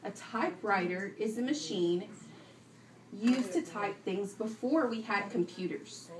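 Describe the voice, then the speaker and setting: An unhurried woman with a mid-range voice reads aloud to young children in a classroom, giving instructions, prompting them with questions and repeating their answers. There's a crowd in the background, and the recording is roomy and distant with faint noise.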